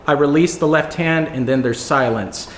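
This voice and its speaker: Man, viola lesson, higher-pitched voice, relaxed and explanatory, roomy echo, faint music behind. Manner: relaxed, explanatory, pausing between phrases. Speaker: music teacher. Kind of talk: demonstrating viola technique.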